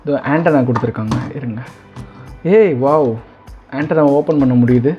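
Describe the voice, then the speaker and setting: Over faint background music on a dull, lo-fi recording, a man hosts a casual unboxing video. His mid-range voice moves at a moderate pace as he chats informally, slipping in English words.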